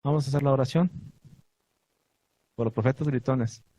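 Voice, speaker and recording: Mellow, husky man teaching a congregation. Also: mid-range voice, steady tone, moderate pace, no room sound, poor audio. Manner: asks the congregation questions, recites Hebrew blessings. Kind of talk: sermon teaching.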